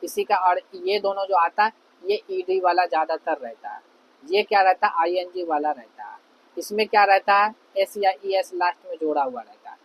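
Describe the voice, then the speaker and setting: A man's voice: high voice, normal speed, a little hiss or hum, poor audio. A man teaching an online grammar lesson, often checking in with "है ना" and asking questions. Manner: repeats "है ना" and asks questions to check understanding.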